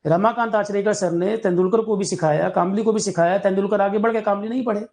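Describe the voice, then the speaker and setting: A man's voice: high voice, steady tone, quick pace, a little mellow. A male coaching teacher giving exam aspirants a candid, blunt talk full of rhetorical questions.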